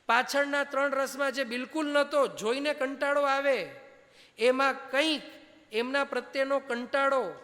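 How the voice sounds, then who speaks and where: High-voiced man preaching in a reverberant hall. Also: sharp tone. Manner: asks the audience many rhetorical questions; mixes English phrases into his talk. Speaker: spiritual teacher. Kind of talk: religious discourse.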